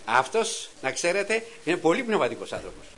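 A middle-aged man giving a testimony sermon to a congregation, telling a story with lively, acted-out dialogue and sudden raised exclamations. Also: on the high side, rough recording. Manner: animated storytelling, acts out quotes in a raised voice.

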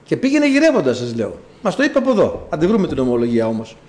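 Animated preacher with a high lively voice. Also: male voice. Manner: storytelling, swings between low asides and high cries. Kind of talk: sermon.

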